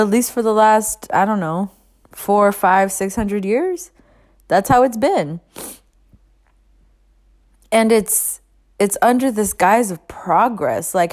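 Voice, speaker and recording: A woman's voice: medium pitch, darkish tone. A woman in her twenties hosting a casual solo podcast, talking candidly and frustrated, swearing often and laughing in places. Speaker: podcast host.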